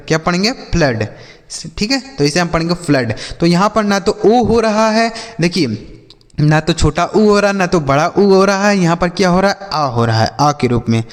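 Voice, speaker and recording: Male teacher, phonics drills, slightly high voice, reverberant room. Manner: repeats each word, asks and answers his own questions. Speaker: English reading teacher. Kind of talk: classroom-style phonics lesson.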